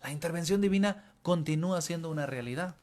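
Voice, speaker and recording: A Mexican man with a high-pitched voice delivers a sermon from the pulpit. He preaches with passion, hammering phrases through repetition and stumbling into restarts as he builds each point. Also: fast talker, darkish tone. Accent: Mexican Spanish. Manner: impassioned, repetitive emphasis, frequent restarts. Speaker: pastor. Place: church.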